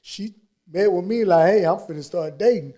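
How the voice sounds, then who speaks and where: High-voiced man chatting casually. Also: moderate pace, mellow. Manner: slangy, conversational. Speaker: podcast panelist. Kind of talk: casual chat, personal anecdotes.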